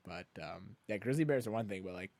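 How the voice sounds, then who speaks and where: Fast-talking man with a lowish voice. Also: expressive, gravelly, darkish tone. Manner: rambling, many "like" fillers, frequent laughs. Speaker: guest, kayak explorer. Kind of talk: casual podcast conversation.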